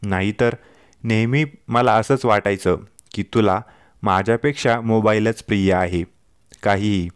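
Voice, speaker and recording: A man's voice: fairly low pitch, steady tone, a little slow, smooth, dry recording, studio quality, natural voice. A man voicing an affectionate, teasing young wife in a told story, playful and pleading by turns. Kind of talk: storytelling dialogue.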